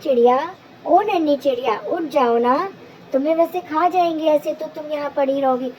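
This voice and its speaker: A woman's voice: high-pitched, moderate pace, dark tone, a little hiss or hum, close to an everyday voice, low-quality recording. A woman voicing a kind, protective male cloud in a cartoon, soothing and pleading. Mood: caring.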